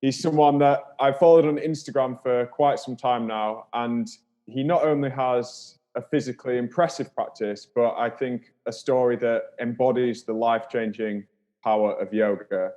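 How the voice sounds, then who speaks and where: A man's voice: mid-range voice, moderate pace, mellow. A man hosting a podcast, talking in a friendly, chatty way and laughing easily. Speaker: podcast host. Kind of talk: casual interview.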